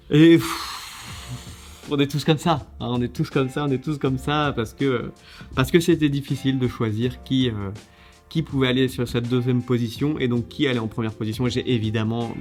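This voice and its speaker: Judging contest entries on a casual video, the host chats away in a lively manner, often using fillers and starting over. His voice is mid-range.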